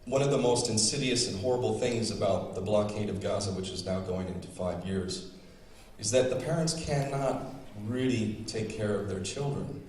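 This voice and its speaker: A man's voice: on the low side, normal speed, darkish tone, slight background noise. A man giving an earnest, emphatic public speech in a large hall. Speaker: speaker. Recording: very echoey hall, distant mic.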